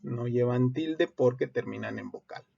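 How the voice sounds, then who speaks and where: A man with a gravelly, creaky voice walks through rules as an instructor. He explains steadily and often pauses on "eh". The recording sounds dull and lo-fi. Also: medium pitch. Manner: explanatory, steady, many "eh" fillers. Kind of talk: recorded legal-writing lesson.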